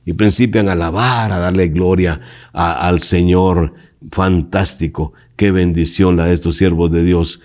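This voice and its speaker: Pastor guy teaching bible study, low voice, preachy and emphatic. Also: fairly even intonation, a little slow, a little mellow. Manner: emphatic, preacherly, asks listeners direct questions.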